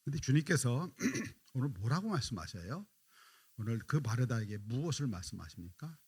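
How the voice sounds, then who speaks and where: A man leads a dawn prayer sermon in a husky voice with lively, wide-ranging pitch. He talks directly to the congregation, asks questions and answers them himself. When he quotes scripture he drops into softer, drawn-out lines. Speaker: pastor.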